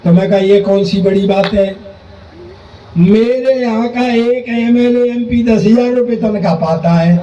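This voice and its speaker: A man with a lilt and a high, mellow voice recites comic verse from a stage. He ribs the audience and acts out both sides of his jokes. The sound is dull and distant, with echo from the hall. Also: a little slow, a little hiss or hum. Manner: jokey, addresses the audience directly, acts out dialogue. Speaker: stage comedy poet. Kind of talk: live stage comedy recital. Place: stage before a live audience.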